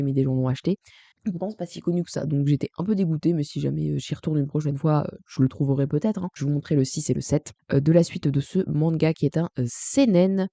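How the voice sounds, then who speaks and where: A young man with vocal fry and a morning voice, chatting casually to camera as a vlogger in a rambling, self-correcting way. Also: on the high side, mellow, no room sound. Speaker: manga vlogger.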